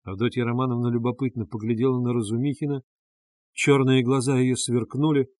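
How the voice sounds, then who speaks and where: Measured male audiobook narrator, dry sound. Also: mid-range voice, no room sound. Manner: measured, even reading. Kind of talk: scripted literary narration. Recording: dry close studio sound.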